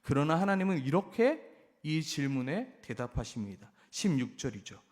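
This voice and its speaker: A man delivers a sermon with a high, animated voice that climbs and falls sharply. He acts out pleading questions with passion, then sinks back to a quiet, low tone. The sound carries a long reverberant tail. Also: moderate pace. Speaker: pastor.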